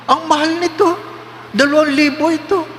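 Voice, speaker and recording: A man voicing chatty women gossiping in a shop queue, raising his voice into quick, bragging chatter in an echoing hall. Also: very high voice, fairly even intonation, a bit bright, slight background noise, pitched above the performer's own voice. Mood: gossipy. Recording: roomy hall reverb.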